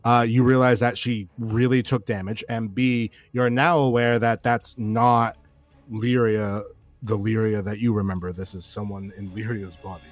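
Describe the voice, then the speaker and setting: A man acting as game master, narrating scenes in a loose, rambling way and laughing often, with soft music in the background. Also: on the low side, flat delivery, moderate pace, dry recording. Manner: giggly, loose, rambling descriptions.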